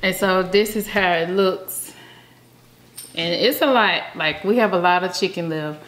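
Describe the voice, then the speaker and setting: A woman's voice: fairly low pitch, measured pace, fairly bright tone. A woman chatting casually through a food-tasting vlog in an upbeat, chatty way, with plenty of fillers. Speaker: vlogger. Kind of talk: casual mukbang chat. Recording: echoey room with faint hiss.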